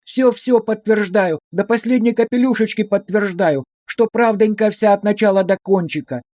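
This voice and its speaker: Guy doing a high whiny village woman, singsongy, begging and fawning, dry close sound. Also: normal speed, a little mellow, dry recording, lightly acted. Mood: pleading. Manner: sing-song, pleading, diminutive-laden. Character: fawning, wailing village woman under questioning.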